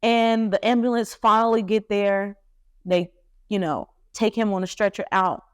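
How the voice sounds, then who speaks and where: A young woman tells a painful personal story on her podcast, her voice sitting at an ordinary middle pitch. She speaks haltingly, with fillers and restarts, the sound dry and close with no room around it. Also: steady tone, smooth, no room sound. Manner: halting, emotional retelling with many fillers. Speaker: podcast host.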